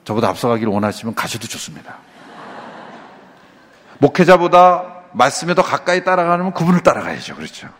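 A Korean man preaching a sermon as pastor, lively and full of rhetorical questions to the congregation. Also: on the high side, a little fast. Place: church sanctuary. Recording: long reverb of a large church hall.

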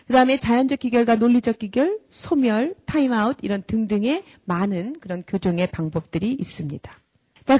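A woman lectures parents in an earnest, emphatic way, and she acts out scolding parents as she goes. Her voice sits fairly high. The sound is dry, with no room echo. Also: a little mellow. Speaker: parenting educator and head of a character school.

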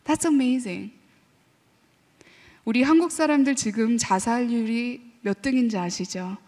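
Woman, high voice, sermon-style church talk, lively, mixes English phrases, questions the audience, long hall reverb. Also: slow pace. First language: Korean heritage, also fluent in English. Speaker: professor giving a church talk.

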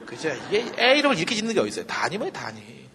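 A man who is a pastor, giving a humorous sermon-style lecture, animated and joking, full of rhetorical questions. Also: fairly high pitch, rapid-fire, big-room sound, a crowd in the background.

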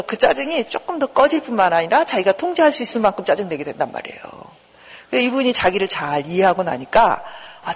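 A woman professor giving a lecture, lively and acting out inner dialogue. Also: mid-range voice, husky, big-room sound.

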